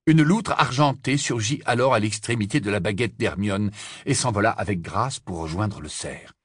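A man reading a fantasy novel aloud as an audiobook narrator, with expressive storytelling. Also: fairly low pitch, normal speed, breathy edge, no echo, studio quality. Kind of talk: scripted narration.

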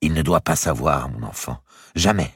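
A man's voice: rumbling low, animated, moderate pace, slightly rough, no room sound, studio quality, pitched above the performer's own voice, exaggerated voice. A man reading the part of a noblewoman who firmly and insistently persuades a grieving girl. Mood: urgent coaxing. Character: noble older woman, firm, coaxing, protective. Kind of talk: audiobook character reading.

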